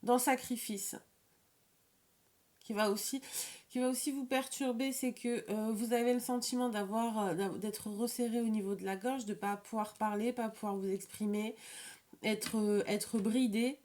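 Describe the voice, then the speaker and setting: A woman with a slight lisp and slushy s sounds gives an informal, improvised card reading as an oracle reader, haltingly repeating and rephrasing her words. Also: fairly high pitch, fairly even intonation, darkish tone.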